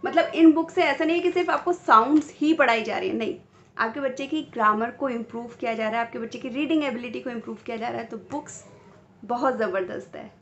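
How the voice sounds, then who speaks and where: A woman vlogger reviewing phonics books in a chatty, explanatory way, sounding out letters and words slowly as she goes. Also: fairly high pitch, lo-fi sound, a little hiss or hum.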